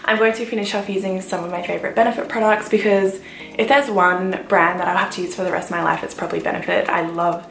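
Bubbly young woman with croaky morning voice. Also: lowish voice, steady tone, fast talker, fairly bright tone, reverberant. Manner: bubbly, enthusiastic. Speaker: beauty vlogger. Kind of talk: casual vlog chat.

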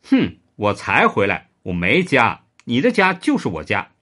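A man's voice: wildly swooping pitch, measured pace, a bit bright, full character voice. A man voicing a clingy, sulky young woman with a raised, whiny voice in a spoken story. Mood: sulky, pouting. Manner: whiny, pouting, raised pitch.

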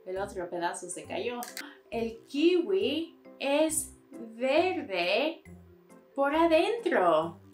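Slow, lively woman teaching toddlers. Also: on the high side, echoey room, over music. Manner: exaggerated, encouraging, repeats words slowly. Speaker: children's Spanish teacher.

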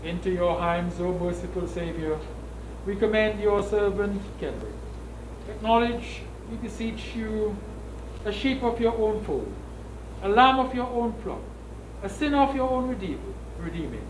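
A middle-aged man, a priest, reading solemn funeral prayers in a measured, formal way with pauses. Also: high voice, animated. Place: small indoor funeral service room. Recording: echoey room, distant mic, background noise.

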